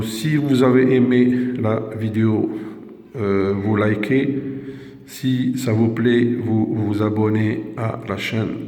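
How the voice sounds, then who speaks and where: A man with an Algerian accent, a primary school teacher giving a patient grammar lesson and reading examples slowly and deliberately. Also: fairly low pitch, a little mellow. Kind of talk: classroom grammar lesson video. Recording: echoey room with long reverb.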